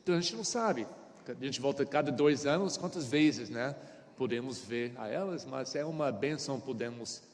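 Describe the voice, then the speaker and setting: A middle-aged American pastor, a native English speaker, preaches a sermon in Portuguese inside a church sanctuary. His mid-range voice moves at a moderate pace through short phrases, with small grammar slips and a frequent "tá?", and the large hall is audible around him.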